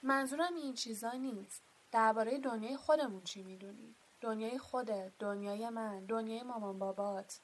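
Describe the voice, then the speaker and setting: A woman reading aloud and voicing Hagrid, a huge, quick-tempered male gamekeeper who speaks loudly and bluntly. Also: fairly high pitch, a little hiss or hum, lightly acted. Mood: indignant. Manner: loud, blunt, indignant.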